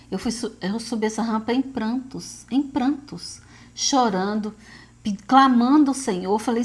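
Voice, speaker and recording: A Brazilian woman telling of her faith as a mother, in an earnest, repetitive way that speaks straight to listeners. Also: medium pitch. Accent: Brazilian Portuguese. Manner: earnest, addresses listeners as "gente", many fillers and repetitions. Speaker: mother giving testimony. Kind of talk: emotional faith testimony.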